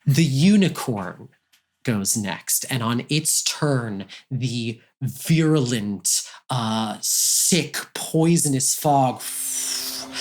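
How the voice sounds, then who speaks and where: A man's voice: medium pitch, expressive, very slow. A man running a tabletop game, improvising vivid narration as game master.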